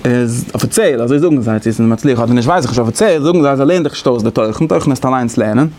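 Male lecturer, rapid conversational delivery, faint noise behind. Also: mid-range voice, a little mellow. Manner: explains conversationally, thinking aloud. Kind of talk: lecture on interpretation methods.

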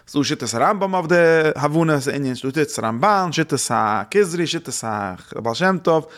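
A man giving a religious lesson, thinking aloud in halting phrases that he often repeats and restarts. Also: a little high, animated, a bit bright. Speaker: religious teacher.

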